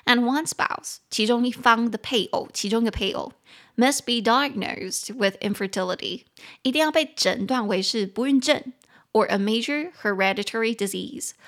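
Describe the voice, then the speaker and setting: A woman with a Taiwanese Mandarin accent hosts a casual podcast lesson on English. She talks in a chatty way, spells words out slowly and corrects herself as she goes. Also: mid-range voice, a bit bright. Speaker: podcast host teaching English.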